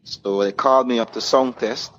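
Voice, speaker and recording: A Caribbean man appears as a DJ guest in an interview, telling casual anecdotes and acting out the dialogue. His mid-range voice is steady and fairly bright at a moderate pace, though the recording is muffled and the room obviously noisy.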